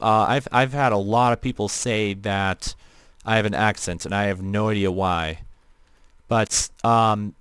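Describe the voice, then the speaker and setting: A man's voice: mid-range voice, a bit bright, smooth, dry recording. A young man with a Midwestern American accent, rambling casually as he streams a game and chats with viewers. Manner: rambling, chatty, talks to chat viewers. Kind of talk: casual live-stream commentary.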